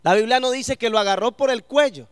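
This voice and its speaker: A man's voice: extremely high pitch, a little fast, clear, resonant tone, dry recording, clean studio sound. A man preaching a sermon to a congregation in church, asking them questions and letting them answer.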